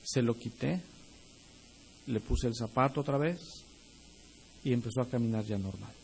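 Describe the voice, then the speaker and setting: A man's voice: mid-range voice, moderate pace, creaky, darkish tone, a little hiss or hum. A young adult male pastor preaching a sermon, speaking directly to the congregation and rising into emphatic bursts.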